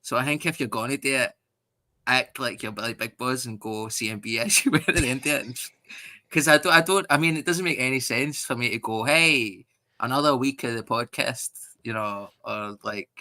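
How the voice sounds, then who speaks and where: A Scottish man in his thirties, a comedian chatting in a casual interview, animated and sweary, acting out other people's voices as he tells stories. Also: medium pitch, fairly quick. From Scotland. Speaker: stand-up comedian guest.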